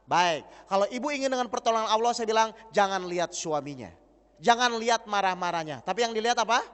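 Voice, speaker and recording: A man preaching a lively sermon, acting out dialogue and putting questions to the audience. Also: high voice. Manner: animated, acts out dialogue, asks the audience questions. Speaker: Islamic preacher. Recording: long hall reverb.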